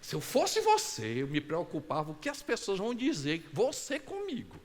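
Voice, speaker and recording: A man with a Brazilian Portuguese accent preaching a sermon as pastor, swinging between soft asides and loud, animated exclamations and acting out short dialogues. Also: high-pitched, moderate pace, big-room sound, a little hiss or hum. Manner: acts out short quoted dialogues in his own voice.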